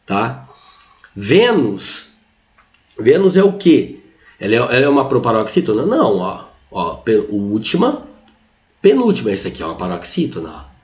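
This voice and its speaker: A middle-aged Brazilian man teaching a language lesson as he goes through exam questions. His pitch is average but swings widely. He explains step by step and keeps checking in with the listener. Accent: Brazilian Portuguese. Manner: explains step by step, constantly says "ó" and "tá?". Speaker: Portuguese teacher.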